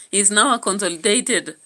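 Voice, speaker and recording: A woman's voice: mid-range voice, measured pace, bright, forceful tone. A Kenyan woman hosting a YouTube channel, giving chatty political commentary and musing aloud with frequent fillers. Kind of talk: casual political commentary vlog.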